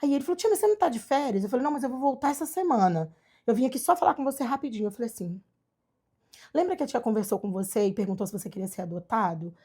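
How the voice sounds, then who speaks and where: A woman from Brazil telling her adoption story in a casual chat, animated and acting out the voices of people she quotes. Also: on the high side, racing, breathy edge. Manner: animated, acts out quoted dialogue. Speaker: guest, adoptive mother.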